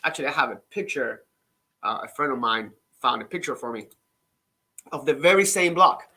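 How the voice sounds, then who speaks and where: This middle-aged Cuban man speaks at medium pitch, animated, with a pushed, bright sound. As an author hosting his own channel, he tells his story in a relaxed but halting manner, restarting frequently and leaning on "right?" tags.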